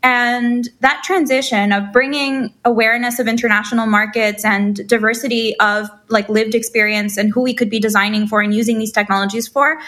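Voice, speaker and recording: A woman from Honduras, a co-founder guest telling her background in an energetic, casual interview. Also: a little high, brisk, hardly any pauses.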